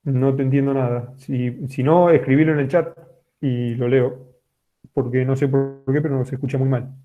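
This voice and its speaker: A man talks a geology class through a drawing, stopping again and again to check that the students follow. His voice sits at an ordinary pitch. It comes through a narrow, phone-like video call line. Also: fairly even intonation, normal speed. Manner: explanatory, keeps checking in with a questioning "sí". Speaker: geology teacher. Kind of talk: online class lecture. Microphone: computer microphone on a video call. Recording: tinny phone-like online call audio.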